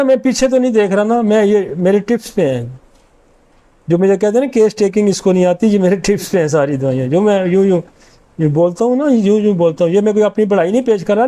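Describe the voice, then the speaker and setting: Middle-aged male homeopath, high pitch, soft mellow tone, self-assured lecturer who reels off remedy lists. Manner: confident, rattles off long lists of remedies. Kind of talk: informal medical lecture.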